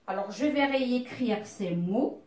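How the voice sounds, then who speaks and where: A woman teaching a beginner reading lesson, patient and methodical, drawing out each word clearly and asking herself questions aloud as she goes. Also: a little high, a little mellow, reverberant, distant mic. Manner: draws out words slowly and clearly.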